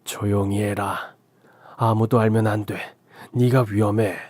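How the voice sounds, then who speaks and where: A man voicing an older injured father, a cunning and secretive chairman, who talks slowly in hushed, commanding tones. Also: on the low side, flat delivery, dry recording. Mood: hushed, grave. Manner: hushed, slow and commanding, often whispered.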